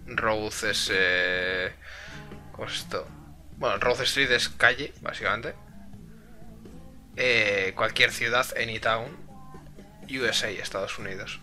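A man's voice: medium pitch, sharp tone. A man streaming live and translating a game aloud, hesitant and full of fillers.

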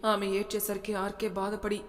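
A woman narrating a romance story in a plain, even reading voice. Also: medium pitch, moderate pace. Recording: long reverb.

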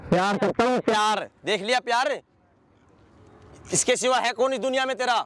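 High-voiced scolding male host. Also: moderate pace, a bit bright. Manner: scolding, pressing with repeated questions. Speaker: host of staged exposé videos. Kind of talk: staged confrontation and vlog outro.

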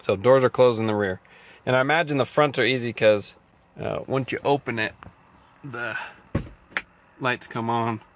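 A man's voice: medium pitch, moderate pace, long pauses. A man working as a mechanic, talking through a scan tool diagnosis inside a car, thinking aloud and reading out values. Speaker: auto mechanic. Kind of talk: casual diagnostic walkthrough.

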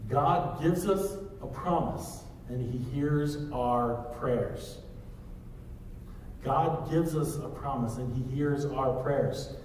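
A man's voice: medium pitch, takes it slowly, darkish tone, a little hiss or hum. A man in his thirties preaching a conversational sermon, recorded from across a large church sanctuary. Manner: conversational preaching, walks the stage gesturing. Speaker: pastor. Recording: echoey hall from far off.

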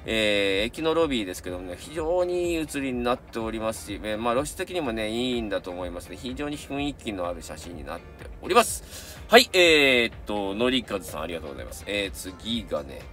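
A man's voice: on the low side, sing-song, brisk, hardly any pauses, pushed and bright, soft background music. A middle-aged man with a Kansai accent, chatting casually as a camera channel host, rambling with many fillers and asides while reviewing gear and reading viewer submissions.

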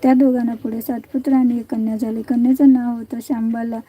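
A woman narrating a devotional folk tale in a steady, measured reading. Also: on the high side, husky, low-quality recording. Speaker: storyteller.

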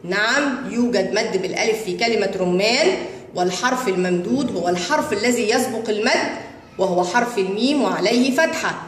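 A woman teaching a kindergarten Arabic lesson, slowly drawing out syllables as she sounds out words and addressing the children as friends. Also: medium pitch. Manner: slow, drawn-out sounding of syllables. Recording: echoey room with long reverb.

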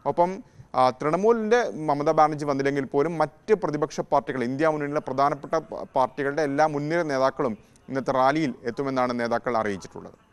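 A man's voice: on the high side, fairly quick, smooth. A man in his thirties reporting live as a news correspondent, explaining steadily with occasional restarts.

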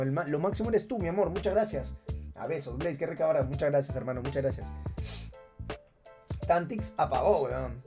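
Energetic male esports caster. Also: on the high side. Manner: loud energetic play-by-play that drops to laid-back banter with chat. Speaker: tournament caster and streamer. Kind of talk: live esports play-by-play commentary.

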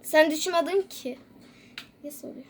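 A woman's voice: sits high, a little slow. A girl playing a patient schoolteacher. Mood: flustered. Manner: playful pretend play with toys. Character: patient female classroom teacher. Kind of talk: toy role-play.

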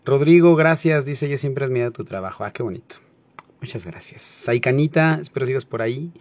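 A man with a Mexico City accent chatting casually on a late-night livestream, greeting viewers by name in relaxed, slangy talk. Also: mid-range voice, a little fast, no echo. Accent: Mexico City Spanish. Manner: laid-back, slangy, greets viewers by name, laughs often.

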